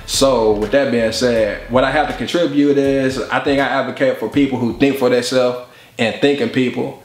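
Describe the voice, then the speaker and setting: In a relaxed, thoughtful interview, a man in his twenties who raps speaks from an indoor couch in a living room. His voice is mid-range, evenly inflected, at a moderate pace. Faint music plays behind a slightly roomy recording.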